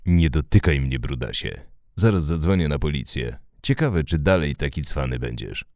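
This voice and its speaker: A man's voice: a bass voice, expressive, moderate pace, a little mellow, dry recording, studio quality. A man voicing a drunk, aggressive husband who hurls crude insults. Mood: contemptuous.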